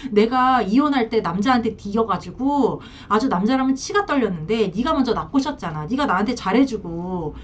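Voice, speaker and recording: A woman's voice: fairly high pitch, animated, normal speed, hardly any pauses, far from the mic, slight background noise, lightly acted. A woman acting out a divorced mistress who pleads, accuses and threatens her married lover. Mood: accusing. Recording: dull lo-fi sound.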